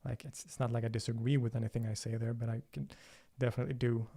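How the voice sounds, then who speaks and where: Answering viewers' questions on a relaxed livestream, this native Swedish speaker from Sweden is thoughtful but full of fillers and restarts. He talks fast in a mid-range voice that's mellow, husky and creaky, with little pitch movement.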